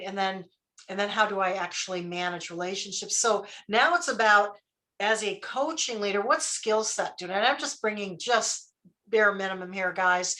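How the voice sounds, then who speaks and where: A woman's voice: medium pitch, pushed and bright. A woman leadership coach giving a live workshop, talking conversationally, quizzing her audience and checking in with "right?" and "okay?".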